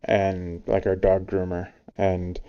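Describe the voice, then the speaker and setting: A man chatting casually on a stream, telling a relaxed story with fillers. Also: sits low, slow pace, no echo, muffled recording. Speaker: stream guest. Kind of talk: casual chat.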